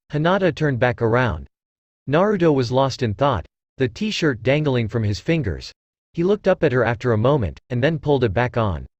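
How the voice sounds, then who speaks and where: A man reads a fan fiction story aloud, with a pitch that rises and falls expressively. His voice is mid-pitched, and the recording is dry and close with no room sound. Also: a little mellow, dry recording. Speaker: narrator.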